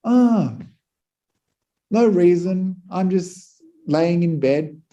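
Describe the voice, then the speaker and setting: A man's voice: high-pitched, expressive, very slow, mellow, muffled recording, voice pushed up, heavily acted. A man voicing a cheeky young maid, a troublemaker, answering sleepily from bed. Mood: sleepy.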